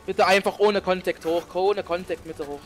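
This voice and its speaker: A man's voice: high-pitched, fairly even intonation, moderate pace. A young man on gaming voice chat, making casual callouts and complaining in a whiny, exasperated way. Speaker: gamer on team voice chat. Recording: loud game music behind voice. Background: video game music and sounds.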